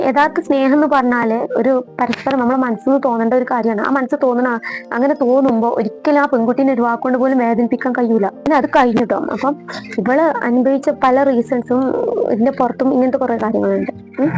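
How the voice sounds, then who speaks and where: A woman's voice: a little high, a little mellow. A woman, earnestly telling the story of her own marriage and often repeating herself. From Kerala. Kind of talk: emotional personal storytelling. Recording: dull lo-fi audio with faint music.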